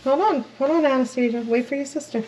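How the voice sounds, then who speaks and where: A woman's voice: sits high, fast, darkish tone, a little hiss or hum, rough recording. A mother filming at home, coaxing her toddlers in a sing-song voice. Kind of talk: home video chat with small children. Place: family home, indoors.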